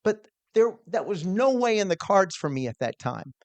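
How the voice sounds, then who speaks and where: A man's voice: high-pitched, big pitch swings, normal speed, dry recording. A middle-aged man, a small business owner, telling a personal story in an earnest, conversational way, often restarting his words.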